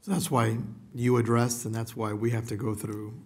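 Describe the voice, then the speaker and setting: A man's voice: mid-range voice, level tone, normal speed, slightly rough. A man presiding as judge, calling cases and asking matter-of-fact procedural questions. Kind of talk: courtroom questioning.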